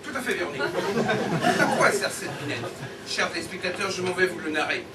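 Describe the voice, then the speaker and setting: A man playing a pompous, suggestive teleshopping pitchman in a parody infomercial, speaking in florid, mock-earnest phrases. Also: lively intonation, fairly quick. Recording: noisy roomy far-off recording, loud laughing crowd. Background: loud audience noise and laughter.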